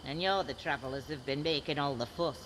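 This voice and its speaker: A woman's voice: a bass voice, a little fast, a bit bright, slight background noise, poor audio. An actress playing a self-assured blind wandering woman in a fantasy game, wry and teasing. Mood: wry, confident.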